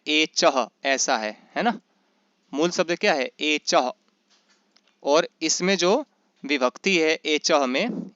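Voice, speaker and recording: A man teaching Sanskrit in an online class, asking questions and answering them himself, and slowly chanting grammar rules. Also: fairly high pitch, a bit bright, clean tone, no room sound, muffled recording. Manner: often checks in with "is that right?". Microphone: computer mic in an online class.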